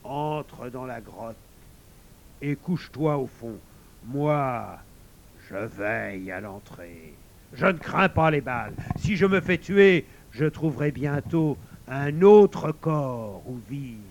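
Storybook villain: a sly, greedy wolf, rough and jeering, loud and raised; a man acts him out. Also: a little high, lively intonation, slow, hardly any pauses, slight background noise. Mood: calm, sly. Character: sly boastful male werewolf, hungry and mocking. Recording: dull lo-fi recording.

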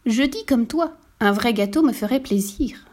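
A fussy, excitable house cat in a children's storybook, voiced by a woman reading aloud. His lines jump higher and brighter than the storyteller's own voice, eager and chirpy. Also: normal speed.

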